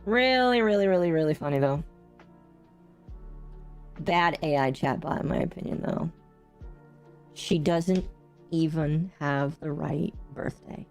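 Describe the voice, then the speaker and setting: Low-voiced woman through a robotic voice changer. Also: measured pace, vocal fry, long pauses, soft background music. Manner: chatty, amused running commentary. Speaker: game streamer. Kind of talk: casual live-stream chat while gaming.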